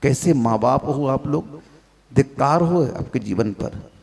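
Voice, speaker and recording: A man's voice: medium pitch, lively intonation, unhurried, gravelly, darkish tone, in a large hall. A man preaching a sermon to a gathered audience, scolding them with rhetorical questions. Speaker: Jain monk preacher.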